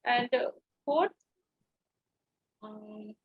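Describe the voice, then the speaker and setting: A young woman with an Indian accent gives formal, halting, deferential answers as a candidate in a mock interview. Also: a little high, slightly rough, no echo. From Dehradun, India. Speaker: civil service interview candidate. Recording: dull, lo-fi dry audio.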